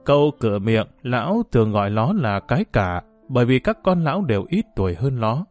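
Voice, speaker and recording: Man narrating a novel, lively pitch. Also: a little fast, faint music behind.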